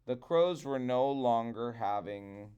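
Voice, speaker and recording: Guy narrating a trickster tale, slow n dramatic, really smooth clear voice. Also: medium pitch, animated, mellow, dull audio. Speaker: storyteller.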